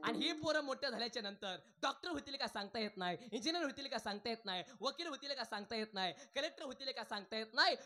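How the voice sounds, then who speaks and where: A male kirtan preacher, telling jokey village stories and quizzing his crowd for loud answers. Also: extremely high pitch. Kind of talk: humorous devotional kirtan sermon.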